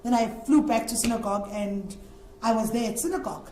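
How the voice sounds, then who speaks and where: High-voiced woman recounting her story. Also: fast talker, dark tone, slight background noise. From South Africa. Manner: earnest, rambling storytelling. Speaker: interview guest. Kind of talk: candid personal testimony. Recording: echoey room.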